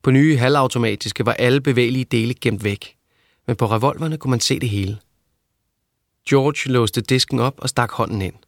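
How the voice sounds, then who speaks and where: A man narrating a novel in a steady, even reading voice. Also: mid-range voice, no room sound, studio quality. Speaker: audiobook narrator. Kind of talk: scripted narration.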